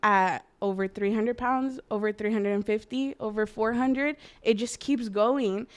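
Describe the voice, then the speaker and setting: A woman's voice: mid-range voice, steady tone, a little slow, smooth. A woman in her twenties talking earnestly and reflectively in an interview, often saying "like.". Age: 20s. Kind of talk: candid personal interview.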